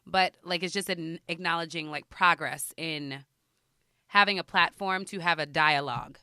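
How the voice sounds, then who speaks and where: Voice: mid-range voice, moderate pace, pushed and bright, smooth, dry recording, clean studio sound. A podcast co-host in casual chat, hedging and thinking aloud with lots of filler.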